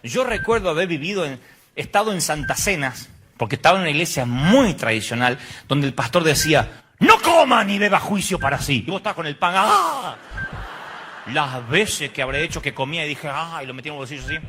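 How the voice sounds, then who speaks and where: A man's voice: a little high, lively intonation, quick pace, a bit bright, slight background noise. A middle-aged Argentine man preaching a humorous sermon, telling stories with acted voices and sound effects. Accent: Argentine Spanish. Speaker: pastor.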